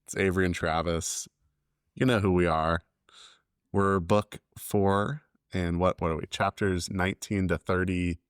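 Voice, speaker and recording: A man's voice: low voice, fairly even intonation, measured pace, clear, resonant tone, no room sound, clean studio sound. A man co-hosting a book podcast, chatting casually and laughing easily. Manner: laughs easily, loose and joking. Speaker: podcast co-host. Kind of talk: casual chat.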